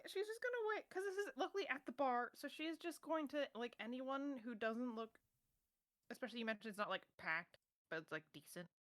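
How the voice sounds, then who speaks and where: A woman's voice: high voice, animated, a little fast, a bit bright, dry recording, clean studio sound. Casual, joking female tabletop player. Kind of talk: tabletop role-play, in and out of character.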